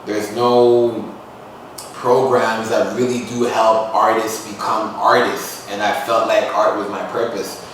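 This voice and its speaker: Here the Toronto poet and musician, a young man, sounds fairly low and fairly bright, talking slowly and flatly in a casual podcast interview about his life. His manner stays earnest and reflective, his phrasing street-casual. Faint hiss or hum, echoey room, mic far away.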